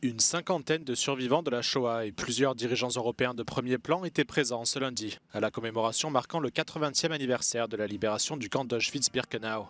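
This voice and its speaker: Male news anchor, measured scripted delivery, mid-range voice. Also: mid-range voice. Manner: measured, even newsreader delivery.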